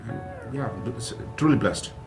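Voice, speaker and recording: In a radio studio, a man from South India, a native Kannada speaker and college president, gives a casual interview a little slowly, with music in the background. He sounds sincere and thankful, frequently starting his phrases over.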